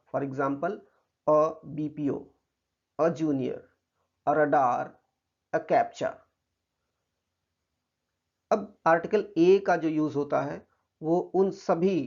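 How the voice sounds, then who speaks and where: A man with an Indian accent teaches a grammar lesson in a gravelly, slightly raised voice. He explains patiently and reads out English examples slowly. The recording is muffled and lo-fi. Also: on the high side, darkish tone.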